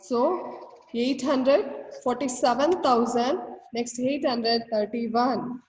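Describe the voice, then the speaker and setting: A woman teacher with an Indian English accent, explaining a math lesson over a video call, slow and repetitive. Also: on the high side, darkish tone. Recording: roomy, distant, dull call audio with faint noise.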